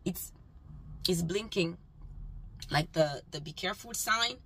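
A woman's voice: on the low side, measured pace, pushed and bright, rough recording. A woman delivery van driver venting in an exasperated, emphatic rant while driving, with road noise behind her. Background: road and engine noise.

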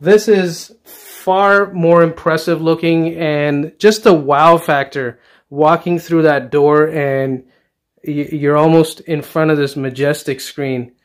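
Recording on a handheld camera, a middle-aged man eagerly and casually walks viewers through his dark basement home theater room, with frequent fillers and restarts. As a hobbyist vlogger, he speaks slowly in a slightly high voice with fairly even intonation.

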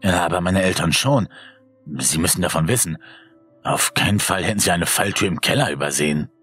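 A man's voice: low-pitched, fairly quick, fairly bright tone, slightly rough, faint music behind. A man voicing a nervous teenage boy who hesitates and stammers. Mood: anxious. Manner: hesitant, stammering, many fillers.

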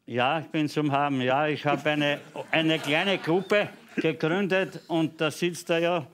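Higher-voiced elderly Austrian man. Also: steady tone, a little slow, fairly bright tone, slight background noise. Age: 70s or older. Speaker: talk show guest. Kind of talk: anecdotal casual talk. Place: TV studio with seated audience.

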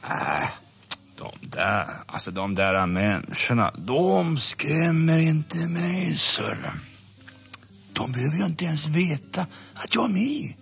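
A man's voice: on the high side, sing-song, fairly bright tone, soft background music, heavily acted. An actor voicing a big jolly easygoing male bear in a dubbed audio drama, talking in a rambling, stammering, chuckling way. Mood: excited. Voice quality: gravelly, rough voice.

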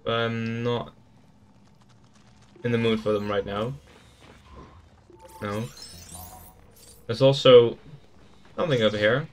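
A man's voice: medium pitch, steady tone, takes it slowly, pauses often, a little hiss or hum. A man giving casual gameplay commentary, thinking aloud in an easygoing way as he explores a game. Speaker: gaming YouTuber.

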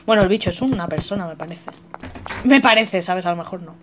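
A young woman playing through a horror game, excitable and quick to swear and laugh. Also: lowish voice, a little hiss or hum. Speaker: gamer. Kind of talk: let's play commentary. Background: faint game music.

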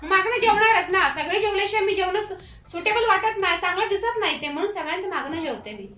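High bright suspicious woman. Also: expressive, quick pace, roomy sound, a little hiss or hum. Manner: suspicious, stubborn, teasing. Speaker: wife in comedy skit. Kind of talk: comic sketch acting.

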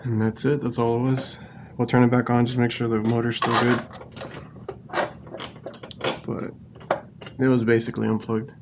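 A man's voice: mid-range voice, moderate pace, vocal fry, pauses often, background noise. A man working as a refrigeration technician, casually explaining each step as he fixes a walk-in cooler, recorded on a head-mounted camera. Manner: relaxed, plain-spoken, explains as he works. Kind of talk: casual on-the-job narration. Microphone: head-mounted action camera.

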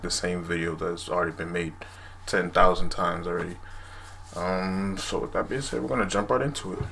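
Guy chatting to webcam explaining stuff, deep voice w fry, bit of noise. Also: a bit bright. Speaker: language video host. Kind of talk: casual explainer to camera. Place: small room at home, indoors. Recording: noisy room recording.

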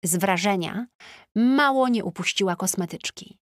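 A woman narrating an audiobook in the first person, in a chatty, lively tone like a teenager's diary. Her voice sits at a middle pitch. She is recorded on a close, dry studio mic with no room sound. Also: normal speed, no echo.

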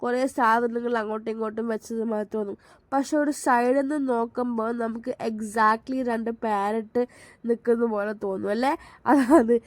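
A woman's voice: fairly high pitch, steady tone, normal speed, no room sound. A Malayali woman from Kerala narrating her family outing in a chatty, enthusiastic voice-over, with frequent restarts. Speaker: family vlogger.

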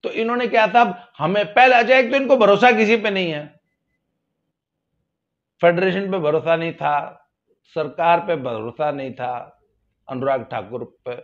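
A man giving casual spoken commentary, folksy and sarcastic, getting loud when he stresses a point. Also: high-pitched, a little slow, long pauses, lo-fi sound. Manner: folksy, sarcastic, rises loudly for emphasis. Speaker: political commentator.

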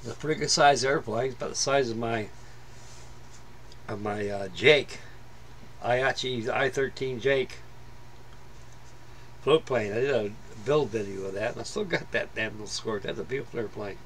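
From his workbench in a home hobby room, a middle-aged man gives rambling, plain-spoken commentary on a model build, filled with fillers and restarts. His mid-range, fairly bright voice moves at normal speed with long pauses, and a little hiss or hum can be heard.

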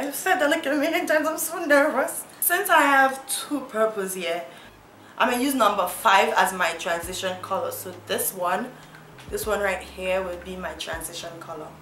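A woman's voice: medium pitch, fairly bright tone, slight background noise. A young woman from Nigeria, chatting and giggling through a makeup tutorial vlog, teasing herself as she goes. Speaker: beauty vlogger. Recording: roomy echo, faint music.

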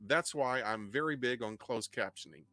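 A middle-aged man with an Ozark Missouri twang hosts an informal online history class. His pitch is average for a man. He explains in a halting way, often repeating and rephrasing, close to the microphone in a dry room. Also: pushed and bright, no room sound. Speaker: host, history teacher. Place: indoor home studio. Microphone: desk microphone up close, headset on.

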